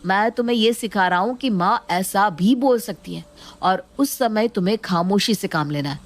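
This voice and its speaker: A woman voicing a young husband who keeps calming his wife, in a soothing, coaxing way. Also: mid-range voice, normal speed, close to an everyday voice. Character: young husband, calm peacemaker son.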